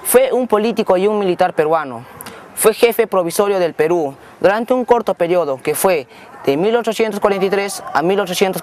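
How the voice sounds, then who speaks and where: A man's voice: a little high, darkish tone, slight background noise. A teenage male school reporter with a Peruvian accent, reading scripted narration.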